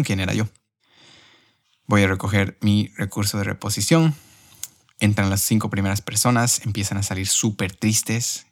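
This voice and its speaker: A young man on a podcast, telling a personal story in an emotional, animated way. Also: lowish voice. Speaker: podcast host.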